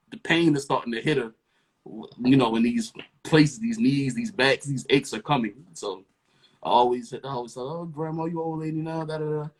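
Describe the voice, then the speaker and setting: A young man, a rapper and producer, telling a casual story with animated energy and acting out the voices of the people in it. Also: mid-range voice.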